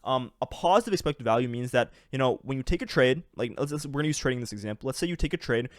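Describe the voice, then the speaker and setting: A young man talks fast and eagerly, explaining charts in a loose, rambling way. He piles on fillers and restarts and keeps checking in with his listeners. The sound is dry and close, with little room behind him. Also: mid-range voice, lively intonation, no room sound. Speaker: trading educator. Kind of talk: casual screen-share explainer.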